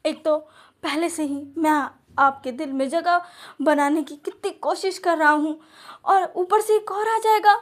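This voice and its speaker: A woman's voice: sits high, steady tone, moderate pace, natural voice. A woman voicing an obsessive, possessive young man who pleads and stammers in repeated words. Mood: desperate, pleading.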